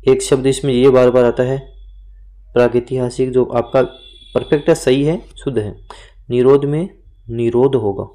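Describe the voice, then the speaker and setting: A man with a mellow, dark-toned voice works through exam questions as a teacher. He repeats each word slowly and spells it out so students remember it. His delivery is steady and instructive. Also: medium pitch. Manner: explains and repeats words, drills spelling points. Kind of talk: exam-prep lesson.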